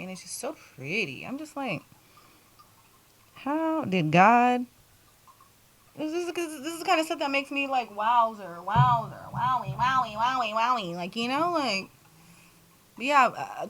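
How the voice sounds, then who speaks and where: A young woman rambling casually to her viewers, animated and laughing often, repeating her phrases and calling them y'all. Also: medium pitch, a little hiss or hum. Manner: southern US slang, talks to viewers as y'all. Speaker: vlogger.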